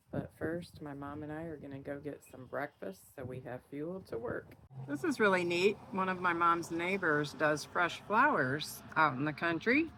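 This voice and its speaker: Her voice sits low against background noise: a middle-aged vlogger narrating casually from a dusty barn in the country. The dust has left her congested and nasal, but she stays chatty and upbeat, addressing viewers as she works.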